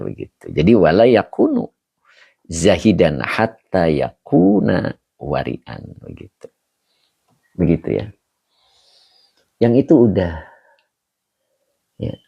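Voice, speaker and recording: Male religious teacher, low gravelly husky voice, patient explanatory delivery on a video call. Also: dark tone, no echo, muffled recording. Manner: slow, explanatory, reads out chat greetings. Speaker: Islamic teacher. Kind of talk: online religious study session.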